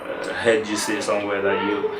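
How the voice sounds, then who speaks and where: A man hosts a business interview, enthusiastic and encouraging toward his guest. His voice sits fairly low and rings in a reverberant room with a faint background. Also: completely flat delivery, normal speed, background noise. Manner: enthusiastic, frequent "wow" and "yeah". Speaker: interviewer host. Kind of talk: show host interviewing.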